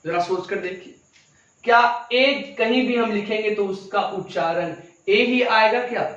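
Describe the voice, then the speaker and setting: A man's voice: sits high, a little slow, a bit bright. A male English teacher giving a classroom grammar lesson, asking rhetorical questions and answering them himself, and calling his listeners children. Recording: echoey room, distant dull mic.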